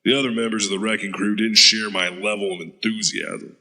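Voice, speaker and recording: Playing a hardened, blunt-talking, profane veteran being interrogated, this man recounts things gruffly in an audio drama. The recording is dry and low quality; his voice is on the low side, fairly even and sharp, moving a little fast.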